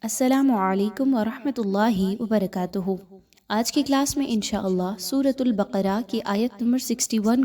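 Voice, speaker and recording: Woman, tajweed teacher, slightly high voice, patient step-by-step explanations, slow chanted recitation. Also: dark tone. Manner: patient, explains each letter, then recites phrases slowly.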